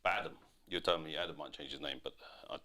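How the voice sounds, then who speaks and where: A middle-aged man with a notably low, deep voice chats casually off camera. He rambles, restarts his sentences and corrects himself as he goes. He sounds like a dad handling the technical side of a home livestream. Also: steady tone, racing, pushed and bright. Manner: chatty, rambling, self-correcting. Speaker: father running the livestream tech.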